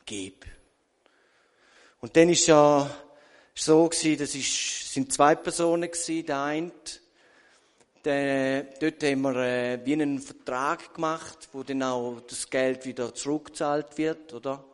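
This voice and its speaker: A man's voice: medium pitch, steady tone, slow, big-room sound. A man with a Swiss German accent giving a sermon testimony, telling his story with quoted asides and rhetorical questions. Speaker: preacher.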